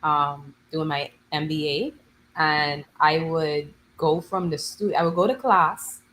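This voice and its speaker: A Bahamian woman in her thirties, a guest musician, chatting in an interview and telling her stories in lively local slang. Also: sits low, takes it slowly, a little hiss or hum, low-quality recording. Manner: animated storytelling, lively dialect slang. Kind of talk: casual interview chat.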